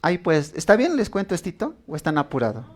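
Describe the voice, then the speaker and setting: Predicador de voz algo aguda. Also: male voice, on the high side, big pitch swings, fairly quick. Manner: tells a story with acted quotes and asks the congregation questions. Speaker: preacher. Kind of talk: sermon.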